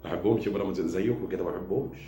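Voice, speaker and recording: A man with an Egyptian accent, ranting to camera as a football fan and mocking rival supporters. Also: deep voice. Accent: Egyptian Arabic. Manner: taunting, mocking rival fans; rapid, repetitive, animated delivery. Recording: echoey room with background noise.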